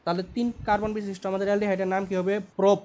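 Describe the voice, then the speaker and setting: Speaking very fast in a level tone, this young man has a voice that sits high yet sounds darkish. He teaches chemistry at a whiteboard, repeating himself and using tag questions to check in, on a dull lo-fi recording.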